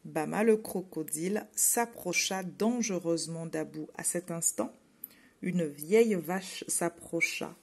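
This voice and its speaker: A woman reading a children's story aloud as its narrator. Her voice is slightly low and breathy with a husky texture. She reads in a measured, expressive way.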